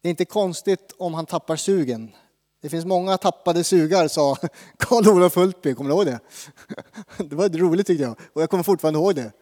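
A man's voice: a little high, dark tone, long reverb tail. A man preaching a sermon in a conversational way, asking the congregation questions. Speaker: pastor.

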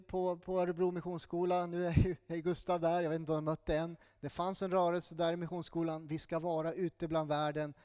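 Male pastor preaching in church, pretty high voice, chatty asides, dry sound. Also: dry recording. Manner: lively, with self-interrupting asides and apologies. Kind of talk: sermon.

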